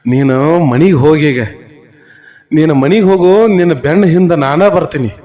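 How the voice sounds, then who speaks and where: A serene holy man speaks with steady, kindly authority in a storybook telling, as a man puts him on. He soothes and reassures, his voice sitting slightly high. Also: normal speed, natural voice. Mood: reassuring. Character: calm reassuring male saint, kindly authority.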